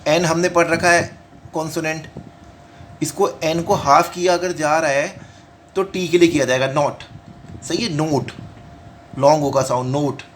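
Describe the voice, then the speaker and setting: A man with a voice on the high side gives a shorthand lesson at home, slowly repeating each point and often posing and answering his own questions. He mixes Hindi with English terms and reads the rules out in English, with a little hiss or hum in the recording.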